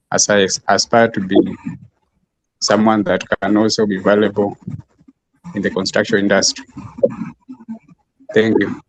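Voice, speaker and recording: A man from Kenya introducing himself on a video call, speaking hesitantly with many pauses and fillers. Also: on the low side, low-quality recording. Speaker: class participant.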